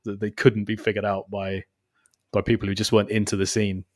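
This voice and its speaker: A man's voice: lowish voice, monotone, brisk, no room sound, studio quality. A man on a casual podcast chat, reflective and telling anecdotes. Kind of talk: casual chat about collectible toys.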